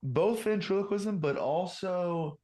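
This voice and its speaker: A man playing in a tabletop game, joking and animated as he describes his character's actions. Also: sits high, slow. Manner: animated and joking, with lots of restarts. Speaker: player. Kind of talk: casual tabletop play.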